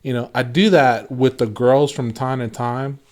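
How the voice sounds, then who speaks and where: A man in his thirties talks in an earnest, reflective way on a casual faith podcast. His voice sits at an ordinary middle pitch. He keeps circling back with fillers and restarts. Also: steady tone, unhurried. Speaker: podcast co-host.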